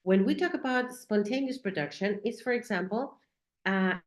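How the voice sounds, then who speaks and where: A teacher trainer whose first language is Spanish gives an educational talk on teaching in English with a Spanish accent. Her voice is medium-pitched at a moderate pace, and she often checks in with "right?" and "okay?". The room is echoey.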